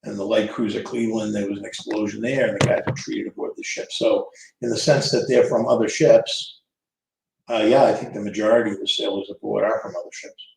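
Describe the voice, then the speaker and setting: A man's voice: fairly low pitch, steady tone, brisk, creaky, darkish tone, a little hiss or hum. A man explaining things informally like a guide, a little hesitant and often correcting himself. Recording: echoey room.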